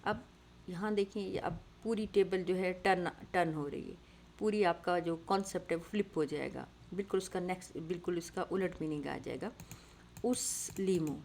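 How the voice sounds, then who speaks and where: In an online grammar lesson, a woman with a somewhat low voice explains things patiently, step by step, mixing English words into her speech. She often asks "right?" to check in with listeners. A steady hiss is clearly audible behind her.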